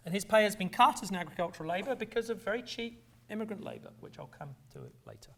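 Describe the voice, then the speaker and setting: A man's voice: high voice, expressive, quick pace, gravelly, fairly bright tone. A middle-aged English man giving a university lecture in a conversational way, with wry asides. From England. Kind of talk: academic lecture. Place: lecture hall.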